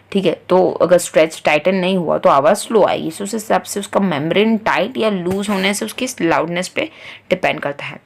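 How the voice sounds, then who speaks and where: A woman tutor explains a science textbook, reading English lines slowly and then going over them in Hindi. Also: on the low side.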